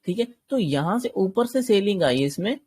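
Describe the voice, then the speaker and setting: A man's voice: high voice, expressive, normal speed, darkish tone, husky, no echo. A man with a slightly sore throat teaching a chart-based trading lesson, explaining step by step and often checking that listeners follow. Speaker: trading instructor.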